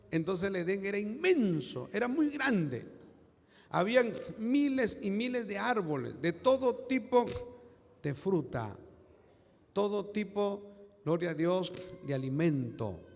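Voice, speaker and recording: Man, pastor, fervent sermon, high voice, long hall reverb. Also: creaky. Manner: fervent, punctuating with praise exclamations.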